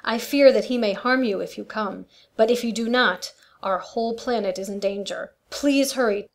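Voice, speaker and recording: A woman's voice: a little high, normal speed, gravelly. A woman playing an anxious queen and mother in a family radio play, earnest, urgent and formal. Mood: pleading.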